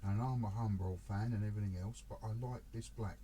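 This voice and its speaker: A man's voice: fairly low pitch, steady tone, quick pace, warm tone, a little hiss or hum, rough recording. A man casually talking through a model ship build, chatty and self-deprecating, muttering to himself as he works.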